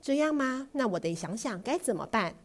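A woman voicing a gentle, patient mother who coaxes softly and sometimes hushes to a whisper. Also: fairly high pitch, lively intonation, normal speed, voice pushed up. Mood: coaxing. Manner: soft, coaxing, hushed at times.

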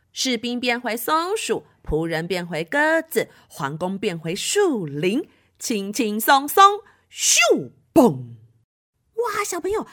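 A woman reading a picture book to children in an animated manner, often addressing them directly. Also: high-pitched. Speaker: storyteller.

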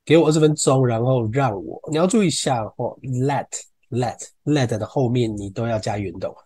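A man with a Taiwanese Mandarin accent explains English phrases in Mandarin, repeating words to drill pronunciation. His voice is warm and mellow. The recording is dry and close, with no room echo. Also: mid-range voice, moderate pace, husky. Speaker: English teacher podcast host. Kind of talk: casual teaching talk.

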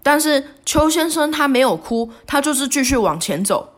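A woman hosting a solo podcast, talking in a halting, remorseful way with many restarts. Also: sits high, lively intonation. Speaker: podcast host. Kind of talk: reflective solo podcast monologue.

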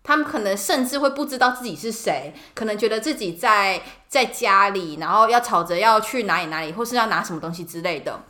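A nurse hosts a casual podcast chat, telling work stories with lots of giggling and acting out her patients' voices. Her medium-pitched voice is animated, bright and forceful, a little fast with few pauses, in a reverberant space.

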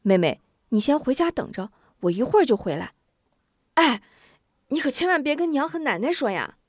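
A woman's voice: sits high, sing-song, moderate pace, dry recording, pitched above the performer's own voice. An eager young village boy from a storybook, coaxing and pleading in a bouncy voice that rises and falls a lot, as a woman puts him on. The recording is dry and close.

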